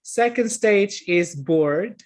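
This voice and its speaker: Male lecturer on a video call, slow and hesitant, raised pitch. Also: animated. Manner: hesitant, filler-heavy, self-correcting. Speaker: guest lecturer. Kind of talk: online Q&A talk.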